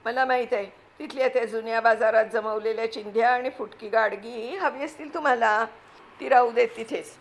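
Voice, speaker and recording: A woman voicing a bossy middle-aged wife who scolds and commands her husband in a sharp manner, read from a storybook. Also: on the high side, steady tone, a little fast, natural voice. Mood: scolding. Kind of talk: storybook reading.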